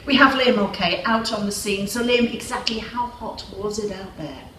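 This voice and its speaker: In a roomy, echoing recording with clear background noise, a woman acts as a female parody news anchor. She presents a mock TV newscast in a formal, upbeat way, with a medium-pitched voice. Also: normal speed, close to an everyday voice. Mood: formal, presenting.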